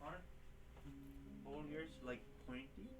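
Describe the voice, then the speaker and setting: A man's voice: a little high, takes it slowly, low-quality recording. A man joking dryly with a streamer from the side, teasing her in casual banter. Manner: sardonic, teasing.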